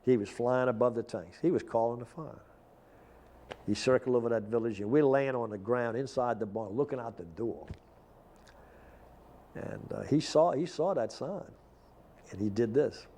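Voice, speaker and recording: A man's voice: mid-range voice, moderate pace, pauses often, mellow. Older man vividly describing his memories. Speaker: former prisoner of war interviewee. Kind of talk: recounting memories.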